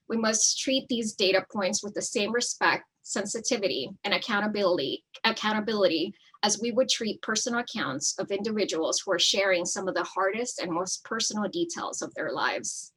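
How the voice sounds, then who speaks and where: A woman from El Salvador delivers a prepared statement in a measured, steady way. Her voice is bright and a little husky, and she speaks over a video call. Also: mid-range voice, rough recording. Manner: measured, reading prepared remarks. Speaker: nonprofit founder, debate panelist. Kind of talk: prepared opening statement in an online debate.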